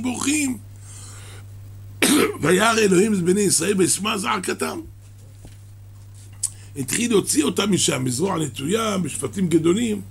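Man, sermon, very husky voice, gravelly, halting with repeated words. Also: high-pitched. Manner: coughs now and then. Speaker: religious teacher. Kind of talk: sermon explaining a midrash.

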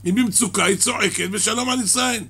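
A man preaches in a high voice that is deeply raspy and gravelly. He halts, repeats words and restarts sentences as he explains a religious parable, and he coughs now and then. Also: bright, forceful tone. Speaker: religious teacher. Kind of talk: sermon explaining a midrash.

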